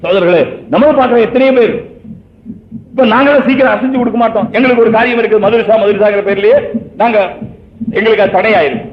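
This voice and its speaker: A man's voice: sits high, fast. A man giving an Islamic sermon, telling everyday stories in a chatty way and asking his listeners questions. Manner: conversational storytelling with rhetorical questions. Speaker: Islamic preacher. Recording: echoey, phone-like lo-fi sermon recording.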